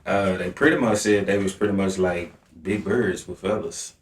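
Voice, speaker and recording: A man's voice: sits low, moderate pace. A man co-hosting a podcast, laid-back and trailing off in casual chat. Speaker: podcast co-host. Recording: echoey room, distant mic, faint room noise.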